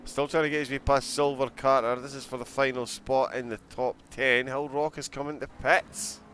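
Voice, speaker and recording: A male esports race commentator at a middle pitch, calling gaps and positions in a loose, chatty way. He keeps breaking into giggles at the viewers' chat, and a faint hum of noise sits under the stream. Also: level tone, normal speed, a bit bright. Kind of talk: live sim-racing commentary.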